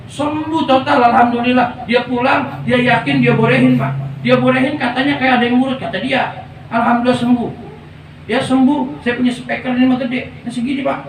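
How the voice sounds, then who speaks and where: A man's voice: very high-pitched, a little fast. A man preaching informally to a gathering, telling stories with jokes and slang. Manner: lively, joking, slangy. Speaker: religious preacher. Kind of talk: informal sermon with storytelling. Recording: echoey, distant room mic with faint ambient noise.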